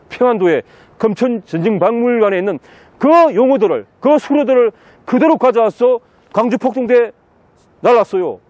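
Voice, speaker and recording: A man with a notably high voice speaks in an outdoor city interview. He is insistent and drives each point home by repeating key words over and over. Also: a little mellow, highs cut off. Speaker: interviewee, political commentator. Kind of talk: impassioned outdoor interview monologue.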